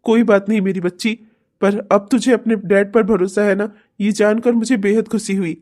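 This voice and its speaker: A woman's voice: medium pitch, steady tone, moderate pace, dark tone, natural voice. A woman voicing a loving, relieved middle-aged father in a cartoon, speaking tenderly. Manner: tender, pleading. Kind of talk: cartoon voice acting.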